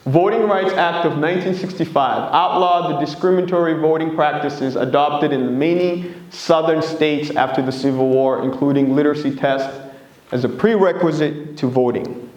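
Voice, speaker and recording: Male presenter with a slightly raised pitch, earnest and engaging, recorded with room echo. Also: moderate pace, darkish tone, muffled recording. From Democratic Republic of Congo. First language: Swahili, Lingala and French. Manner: earnest, engaging, often checking in with "right?". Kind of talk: presentation to an audience.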